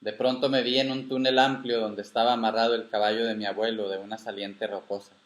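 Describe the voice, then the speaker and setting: A man, the author reading his own story aloud in calm, steady first-person narration. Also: fairly low pitch, fast talker, reverberant.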